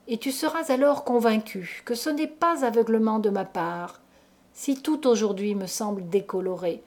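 A woman narrating a gothic tale aloud in a slow, measured, dramatic reading. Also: fairly high pitch, a little mellow. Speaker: audiobook reader. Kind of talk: literary audiobook narration.

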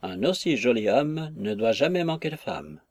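A man's voice: medium pitch, sing-song, moderate pace, no echo. A man voicing a chatty, gossiping female innkeeper who rattles on with exclamations, in an audiobook reading of a classic novel. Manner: garrulous, wheedling, full of exclamations.

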